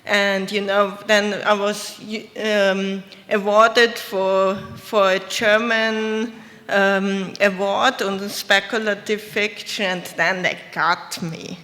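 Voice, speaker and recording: A woman's voice: mid-range voice, little pitch movement, slow pace, bright, forceful tone. A woman speaking on a convention panel, telling her story hesitantly and correcting herself as she goes. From Austria. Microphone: shared handheld mic. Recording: reverberant hall.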